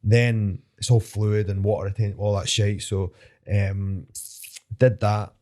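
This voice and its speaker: A man's voice: lowish voice, level tone, measured pace, mellow. A Scottish man, a fighter guesting on a podcast, telling rambling anecdotes in a casual way, swearing freely and laughing often. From Scotland. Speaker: podcast guest, mixed martial arts fighter. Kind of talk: casual storytelling interview.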